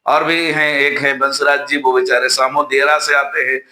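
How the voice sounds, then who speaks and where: A man from Bihar teaching a spoken English lesson to students, often calling them children and repeating drill phrases slowly. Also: mid-range voice, little pitch movement, sharp tone, roomy sound. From Bihar, India.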